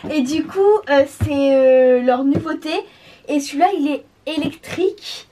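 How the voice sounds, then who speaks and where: A teenage girl co-hosts a family unboxing video, gushing over toys in casual slang. Her voice sits high, and she jokes about her clumsy English. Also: fairly even intonation, a little slow, warm tone. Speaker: vlog co-host, daughter.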